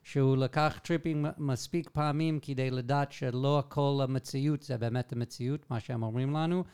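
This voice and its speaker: A man hosting a podcast in casual chat, relaxed and dropping in English phrases. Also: mid-range voice, clear, resonant tone.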